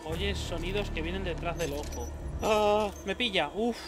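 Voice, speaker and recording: A man commenting on a horror game, joking, swearing often and shouting when scared. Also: sits high, normal speed. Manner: swears a lot, jokey, yells when scared. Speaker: gaming youtuber. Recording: game music behind the voice.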